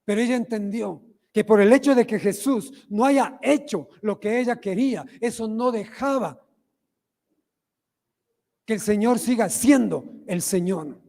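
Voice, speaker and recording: A man's voice: high-pitched, measured pace, darkish tone, in a large hall. A male pastor with an Ecuadorian accent, preaching a sermon in church and putting questions to the congregation. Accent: Ecuadorian Spanish. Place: church sanctuary.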